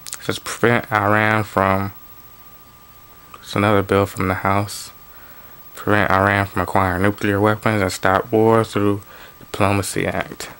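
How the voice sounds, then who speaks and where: With a fairly low, slightly bright and clean voice, this man reads the news in a level tone, unhurried and pausing often. A political commentary vlogger, he interrupts the plain reading with casual offhand commentary and restarts.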